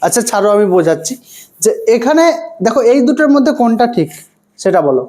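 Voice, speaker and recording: A man's voice: extremely high pitch, very animated, fast talker, dark tone. A man teaching an online grammar lesson, repeating each point and often asking his students if they follow. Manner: asks questions and answers them himself.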